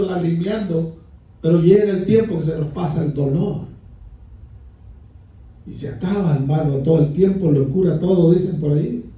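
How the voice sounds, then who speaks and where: Man, pastor, high voice, fervent preaching, very echoey church, distant mic. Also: a little mellow. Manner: fervent preaching, often calling listeners brother. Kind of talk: Pentecostal sermon. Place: church sanctuary.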